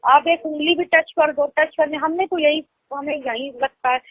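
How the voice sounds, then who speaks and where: A young woman with a Lucknow Hindi accent chats casually on a phone call in a high-pitched, steady voice at normal speed. She explains things at length and laughs easily; the recording is a tinny phone call with no room sound.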